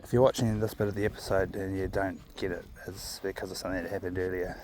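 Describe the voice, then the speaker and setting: A man's voice: deep voice, little pitch movement, quick pace, a little mellow. A man with a broad New Zealand accent chats in a casual, easygoing, rambling vlog style, as if out walking with his dog. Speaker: vlog host. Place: outdoors on a walk. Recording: outdoor ambient noise.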